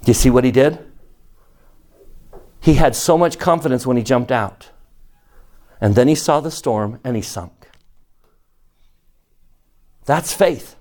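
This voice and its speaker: A man teaching a scripture lesson to a group, asking his listeners questions in a slow, emphatic way. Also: mid-range voice, mellow. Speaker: church teacher.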